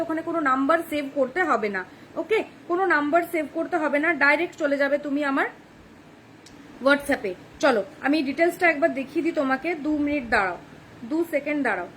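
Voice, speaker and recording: Fast-talking high-voiced young woman. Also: a bit bright, a little hiss or hum. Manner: fast, chatty, keeps checking "ঠিক আছে?". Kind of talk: live-stream sales pitch. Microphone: phone camera.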